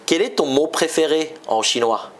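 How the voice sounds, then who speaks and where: A native Chinese-speaking man from China hosts and interviews in a scripted style. His voice is fairly high-pitched and animated, at a normal speed.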